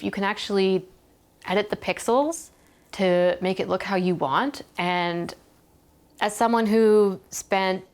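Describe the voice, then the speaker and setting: An actress playing a candid game-studio worker in a mockumentary interview, rambling offhandedly. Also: female voice, mid-range voice, lightly acted.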